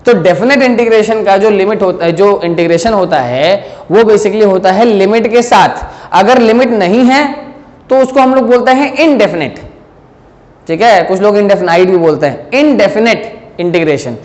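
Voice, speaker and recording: High-voiced male teacher in an echoing classroom. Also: animated, moderate pace, a little mellow. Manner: explains step by step, mixes Hindi and English, keeps checking "clear hai?". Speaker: physics teacher. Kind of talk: classroom lecture at a board.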